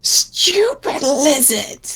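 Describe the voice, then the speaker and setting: A woman's voice: sits high, very animated, drawn-out words, pitched above the performer's own voice, full character voice. A woman voicing a mocking old hag villain in a tabletop game, drawing out her taunts. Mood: scornful.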